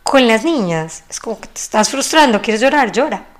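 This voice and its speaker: A woman with a slightly high voice chats as a talk-show host. She is expressive and talkative, and she acts out the things people say. Her delivery is casual and personal. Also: normal speed.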